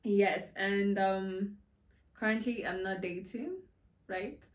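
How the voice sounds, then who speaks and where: A woman's voice: medium pitch, steady tone, slow pace. Chatty, giggly woman vlogging. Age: 20s. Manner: chatty, giggly, with many fillers and restarts. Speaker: content creator. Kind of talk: casual storytime vlog. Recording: roomy echo, a bit far from the mic.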